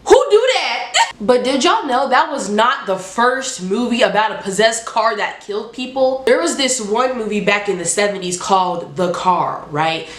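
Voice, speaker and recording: A woman's voice: medium pitch, normal speed, hardly any pauses, fairly bright tone. A woman with a stuffed-up, nose-pinched sound from allergies, chatting casually and expressively in slangy speech as she reviews films. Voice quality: congested, nasal, like holding the nose. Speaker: movie reviewer hosting a top ten countdown. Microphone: handheld phone. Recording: roomy, echoing home recording.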